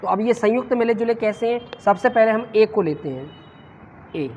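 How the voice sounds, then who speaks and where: A woman with a fairly high voice lectures a class, asking questions and answering them herself, and now and then draws a sound out long to show it. The recording is dull and lo-fi, with a faint hiss under it. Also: expressive, a little mellow. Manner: quizzes the class and answers her own questions; drawn-out sounds in demonstrations. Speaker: Sanskrit teacher. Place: classroom with students present. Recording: muffled lo-fi with faint noise.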